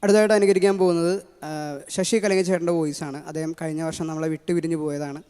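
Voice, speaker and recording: A man with a Malayali accent introducing his impressions, talking fast with many fillers. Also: on the high side, little pitch movement, dark tone, smooth. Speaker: mimicry artist. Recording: long hall reverb.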